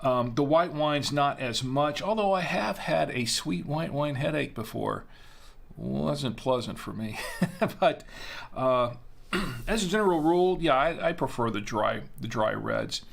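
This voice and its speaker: Hosting a relaxed wine-tasting livestream, a middle-aged man from Florida speaks at a medium pitch in an animated, unhurried way, with some vocal fry. His folksy chatter includes reading viewer comments aloud, and he frequently trails off before restarting.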